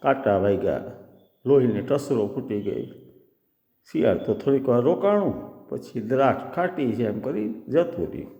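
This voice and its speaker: A man's voice: medium pitch, sing-song, normal speed, creaky. Guy telling kids a story, teacherly, long echo like a hall. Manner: warm teacherly, explains words. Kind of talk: storytelling for children. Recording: echoey room with long reverb.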